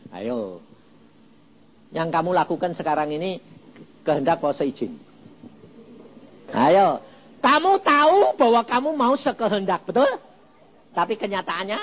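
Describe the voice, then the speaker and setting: A man preaches a sermon in a high, lively voice that leaps up and drops away again. He keeps firing rhetorical questions at his listeners, and the recording sounds dull and lo-fi. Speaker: evangelist preacher.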